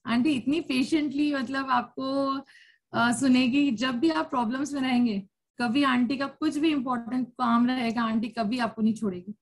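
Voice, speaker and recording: A woman in her thirties from India shares her own story before a seated audience at a support circle. Her voice sits somewhat high, and she tells it candidly and chattily, with laughs breaking in often. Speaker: cancer survivor sharing her story. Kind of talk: personal testimony at a support circle.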